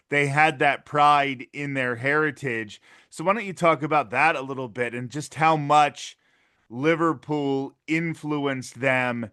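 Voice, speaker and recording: Slow-talking bright-voiced male podcast host. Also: mid-range voice, smooth. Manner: slow, deliberate questioning. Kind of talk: conversational interview.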